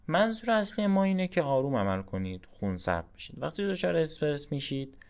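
A man hosting a podcast, giving informal advice in a chatty, coaching way and often checking in with the listener. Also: medium pitch. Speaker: podcast host.

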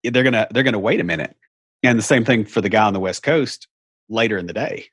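A man's voice: fairly low pitch, fast, fairly bright tone, breathy edge, no room sound, clean studio sound. A middle-aged man with an Appalachian hillbilly accent, casually explaining things in a folksy, wry way with rambling asides. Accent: Appalachian hillbilly, Southern US.

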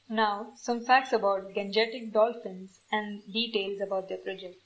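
A woman's voice: medium pitch, rough recording. A woman reads scripted, informational narration in a formal, explanatory way, like a nature documentary. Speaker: presenter of environmental news.

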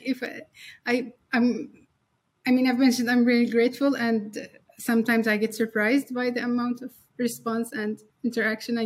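A young woman from Syria, a developer being interviewed, friendly and laughing often, repeating words as she talks. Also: on the high side. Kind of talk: casual interview.

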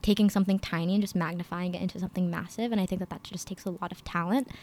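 Chatty young woman, relaxed podcast guest. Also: on the low side, rapid-fire, a little hiss or hum. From United States. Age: young adult. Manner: chatty, relaxed, lots of fillers. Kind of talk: casual podcast chat.

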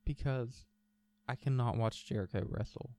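A man chatting casually on a podcast, rambling and swearing, sometimes breaking into loud mimicking voices. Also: medium pitch, normal speed, dry recording. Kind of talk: casual podcast chat about wrestling.

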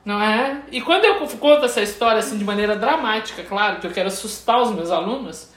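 A woman whose first language is Portuguese, co-hosting a casual chat as an English teacher, telling stories with dramatic flair and quick asides. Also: mid-range voice, lively intonation, fairly bright tone. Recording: roomy echo.

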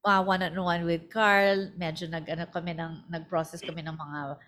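A woman hosting a casual interview as a coach, prompting her guest with short questions and quick acknowledgements. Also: fairly low pitch, flat delivery, a bit bright. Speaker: host and coach.

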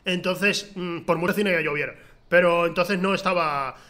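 A man's voice: high-pitched, normal speed. A man, co-hosting a casual film chat and telling stories with acted-out quotes. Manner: animated storyteller, acts out quotes. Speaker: podcast co-host. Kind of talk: casual chat about films.

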